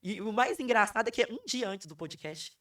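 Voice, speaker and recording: A woman's voice: medium pitch, animated, a little fast, a bit bright, far from the mic. A woman tells her own story as a podcast guest. She is emphatic and keeps repeating phrases to drive them home. She sits a little away from the microphone. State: hoarse. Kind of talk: emotional personal storytelling.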